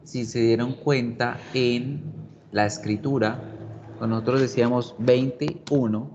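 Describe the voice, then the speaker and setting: A man's voice: medium pitch, steady tone, a little slow, darkish tone. A male English teacher giving an online class, explaining patiently and step by step. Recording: dull lo-fi sound, faint background noise.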